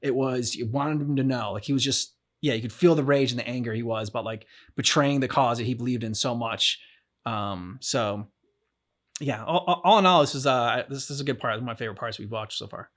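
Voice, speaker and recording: Talking a little fast in a medium-pitched, slightly bright voice, this man co-hosts a game reaction show. The discussion of the game's story is casual, and he wanders, frequently repeating himself and starting phrases over.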